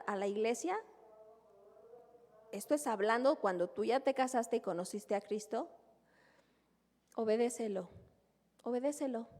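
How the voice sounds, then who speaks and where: A woman's voice: a little high, a little mellow. A Mexican woman teaching a women's church group in a conversational way, often asking the listeners to agree. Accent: Mexican Spanish. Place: church hall. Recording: long hall reverb.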